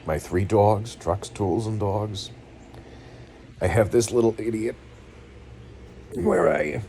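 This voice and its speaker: A middle-aged man with a New England accent and a low, deep voice talks through his feelings, weary and near tears. His speech is halting and rambling, full of restarts, earnest throughout. A faint hum of noise sits underneath. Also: warm tone. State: weary and in pain, close to tears. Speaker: vlogger. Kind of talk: emotional personal venting. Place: at home, seated.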